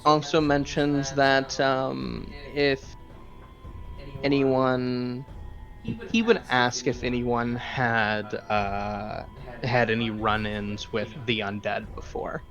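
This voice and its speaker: A man narrating as game master of a tabletop game over a voice call, hesitant with many filler pauses. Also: medium pitch, steady tone, a bit bright, highs cut off, soft background music.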